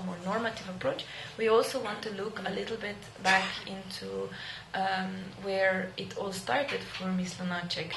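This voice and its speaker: A woman's voice: medium pitch, fairly bright tone. Woman moderator, echoey room. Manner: chatty, many fillers, earnest. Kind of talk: panel discussion. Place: small indoor event room. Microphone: handheld mic. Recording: echoey room with background noise.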